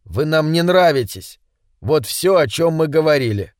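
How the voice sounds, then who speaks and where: Мужчина в роли язвительного строгого учителя. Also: male voice, on the high side, lively intonation, moderate pace, dry recording, clean studio sound, close to an everyday voice. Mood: stern. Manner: sneering, sarcastic, commanding. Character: stern sarcastic male schoolteacher, middle-aged.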